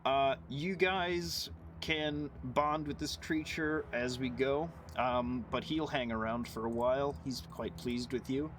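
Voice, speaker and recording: A man's voice: mid-range voice, slow pace, few pauses, a bit bright, a little hiss or hum. A man running a tabletop game as game master, rambling and correcting himself as he talks. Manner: rambling, self-correcting, lots of filler.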